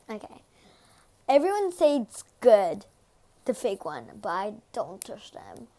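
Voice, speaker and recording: Filming a casual ASMR eating vlog on her phone, a woman speaks slowly in a slightly high voice with wildly swooping pitch. Chatty and giggly, she drops into whispers between loud, delighted reactions, over slight background noise.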